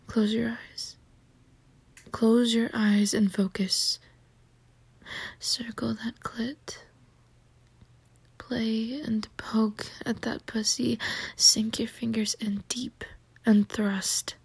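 A woman voicing a seductive, menacing succubus in a whispered role-play, teasing and dominant, with a breathy, husky whisper. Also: on the high side, dry recording, exaggerated voice. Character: seductive, menacing female succubus taunting her prey.

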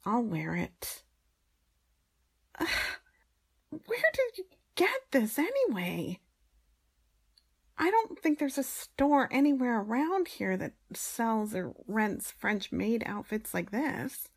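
Casting: woman to play adult woman as a grudging, teasing maid in intimate audio role-play; heavy vocal fry, husky, unhurried. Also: mid-range voice, expressive, darkish tone, exaggerated voice. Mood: embarrassed, grumbling.

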